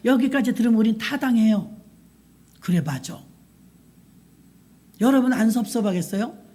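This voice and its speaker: A woman's voice: on the high side, lively intonation, moderate pace, dark tone. A woman pastor preaching at a night vigil service in a church, stressing words by repeating them and asking the congregation rhetorical questions. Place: church sanctuary.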